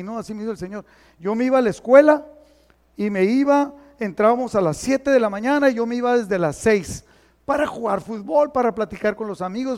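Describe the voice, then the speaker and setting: A middle-aged Mexican pastor preaches in a high, lively voice. He acts out the people in his stories as he goes. His voice rings with the long reverb of a large hall. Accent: Mexican Spanish. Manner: animated storyteller, acts out quoted dialogue. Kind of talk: sermon.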